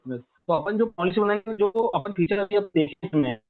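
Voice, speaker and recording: A man asking halting, rambling questions on a video call while his audio keeps cutting out. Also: high voice, lively intonation. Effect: call audio dropping out, voice cutting. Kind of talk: casual question in an online training call. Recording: tinny phone-like call line.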